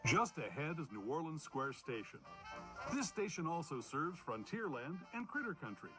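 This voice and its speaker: A man's voice: on the high side, very animated, moderate pace, over music. A man delivering a scripted theme park ride spiel as a train narrator, with folksy, playful showmanship.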